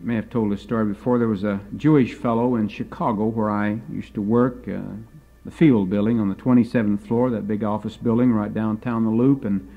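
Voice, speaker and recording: A man's voice: lowish voice, steady tone, fairly quick, phone-quality sound. A man teaching a Bible lecture, moving between folksy storytelling and emphatic preaching.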